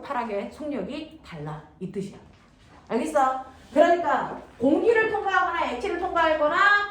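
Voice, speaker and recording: A woman's voice: high-pitched, a bit bright. A woman teaching science to a class, blunt and teasing, checking again and again that the students follow. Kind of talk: classroom lecture. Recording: echoey room, distant mic, noisy.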